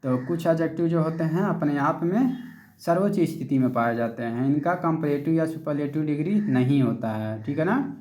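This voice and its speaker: A man's voice: a little high, normal speed, a little mellow, echoey room. A man with an Indian accent teaching English grammar in Hindi, explaining each rule step by step and often checking that students follow. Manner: explains step by step, with frequent check-ins asking if it is clear.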